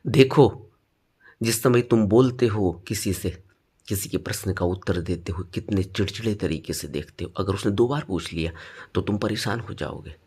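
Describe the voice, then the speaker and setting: A man teaching meditation in a spoken dharma talk, stressing points with sudden rises and then dropping low. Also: moderate pace, a little mellow, slightly rough.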